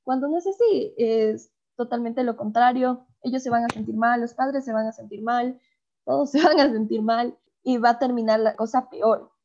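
A woman's voice: fairly high pitch, moderate pace, gravelly, a little mellow. A woman hosting a conversation, chatty and agreeable, asking her guests questions. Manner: chatty, laughs between points. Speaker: host. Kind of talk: conversational talk show. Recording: slightly dull lo-fi sound.

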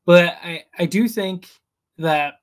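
Easygoing male podcast host, higher voice. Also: slow. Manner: easygoing, hedging. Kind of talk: casual podcast chat.

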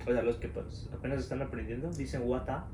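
A man's voice: mid-range voice, steady tone, fast talker, noisy background. A young man co-hosting a casual podcast, joking and teasing his friends. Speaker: podcast co-host. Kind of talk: casual chat. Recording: roomy, distant mic with crowd behind.

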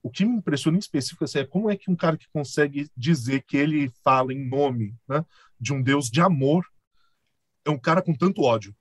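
Man, Brazilian accent, husky voice, a bit high for a man, casual guest chat, dry close sound. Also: brisk, dry recording. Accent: Brazilian Portuguese. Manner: animated storyteller, chuckles often, many filler tags. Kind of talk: casual conversation.

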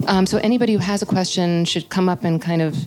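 A woman's voice: fairly low pitch, steady tone, quick pace, darkish tone, faint music behind. A woman hosting a podcast, talking onstage at a live bookstore taping. She sounds thoughtful and searching, and often restarts her sentences. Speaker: podcast host.

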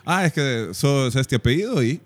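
A man's voice: medium pitch, animated, normal speed. A man with a Honduran accent telling a story in a casual chat, dropping in English words and repeating himself. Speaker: podcast co-host.

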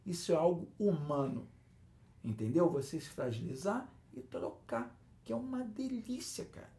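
A man's voice: on the high side, very animated, moderate pace, dark tone. A man with a Brazilian Portuguese accent, a guest in a casual podcast chat who acts out quoted lines.

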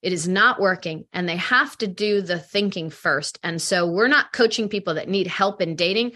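Bright, animated woman telling stories. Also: on the low side, moderate pace. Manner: animated, acts out quoted dialogue. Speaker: matchmaking company head. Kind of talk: interview storytelling.

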